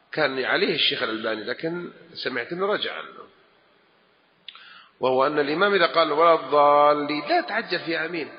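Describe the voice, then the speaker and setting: A man, a religious scholar, delivers a lesson with emphasis and acts out the phrases he quotes. His voice sits at a middle pitch and carries a long reverb from a large hall. The recording is dull and lo-fi with a faint hiss underneath. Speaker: religious scholar answering questions.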